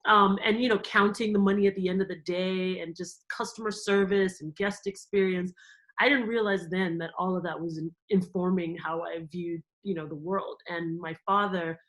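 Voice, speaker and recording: A woman from Cameroon, a guest in an interview, telling stories in a lively, animated way and laughing often. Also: lowish voice, moderate pace, low-quality recording. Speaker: guest, theme park company executive. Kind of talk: conversational interview.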